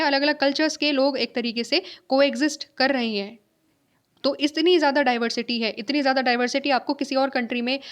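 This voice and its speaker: A woman with a high voice teaches a lesson. She explains by posing questions and answering them herself, repeating key ideas. She keeps checking that her listeners are following. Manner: mixes in English phrases, checks understanding with tag questions. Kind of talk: classroom lecture.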